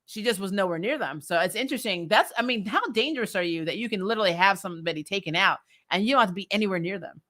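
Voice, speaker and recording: This woman speaks at medium pitch, quickly and with few pauses, in a fairly bright tone. On her recap livestream she chats casually, responding to viewer comments with blunt opinions and an exasperated giggle.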